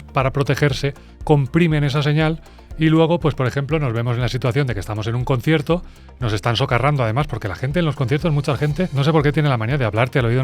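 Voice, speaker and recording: A man with a Spain Spanish accent talks briskly through a recording lesson, addressing viewers directly. His pitch sits in an ordinary middle range, and soft music plays faintly underneath. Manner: brisk, chatty and explanatory, speaking straight to viewers. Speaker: music producer. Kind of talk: explainer video.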